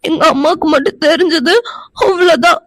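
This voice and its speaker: A woman plays a feisty young cartoon woman with a very high voice who accuses and argues sharply and can break into tears. The sound is dry and close. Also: moderate pace, a bit bright, no echo. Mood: tearful. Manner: accusing and tearful.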